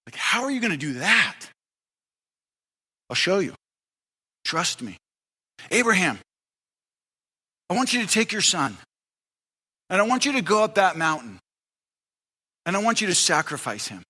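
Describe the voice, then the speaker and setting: A male pastor preaching a sermon in an animated way, acting out the dialogue in quick voices. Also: sits high. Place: church sanctuary. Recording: long reverb of a church hall.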